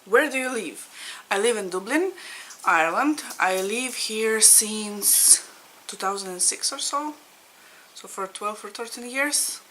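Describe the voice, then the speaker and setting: Russian native woman vlogging about stitching at home, slow friendly chat, bright voice, laughs a lot. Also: medium pitch, lively intonation, a little hiss or hum, poor audio. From Latvia. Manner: chatty, laughs often, halting non-native phrasing. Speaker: needlework vlogger. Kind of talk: casual chat to camera. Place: home in Ireland.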